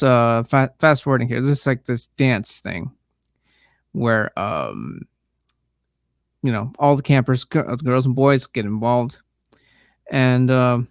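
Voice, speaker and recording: A man hosting a podcast, casually recapping a horror film in a rambling, halting way, full of fillers, restarts and the odd swear word. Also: mid-range voice, dry recording, studio quality. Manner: profane, laid-back. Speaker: podcast host reviewing a film.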